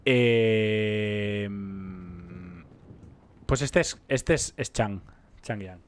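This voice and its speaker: His voice sits on the low side, clear and resonant, with fairly even intonation and a very slow delivery. The speaker is a young Spanish-accented roleplay streamer who rambles through casual gameplay, cracking self-mocking jokes and talking with his audience.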